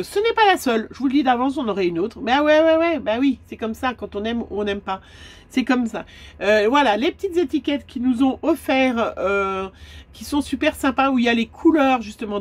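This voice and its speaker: A woman with a slightly high voice and a stuffy nose, talking in a relaxed, chatty way. She fills her talk with little asides and hesitations. She is recording inside a camper van. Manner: chatty, many fillers and asides. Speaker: craft vlogger. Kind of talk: casual haul chat.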